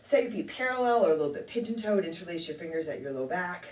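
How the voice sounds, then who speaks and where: Lady yoga teacher calling out poses, kinda low voice but swoopy, echoey room, mic's a bit far off. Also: fast talker. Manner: calm cueing with light self-deprecating humor. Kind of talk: guided yoga class instruction. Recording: echoey room, mic at a distance.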